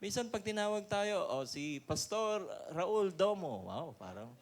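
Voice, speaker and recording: A male pastor preaching a lively sermon with a Filipino accent, often asking the congregation questions and laughing. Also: sits high, a little slow.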